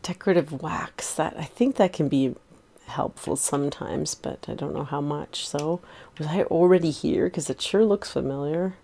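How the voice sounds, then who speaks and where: Low gravelly-voiced woman streamer. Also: warm tone. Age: 40s. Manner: rambling, chatty, laughs easily. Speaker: game streamer. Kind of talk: casual gameplay chat.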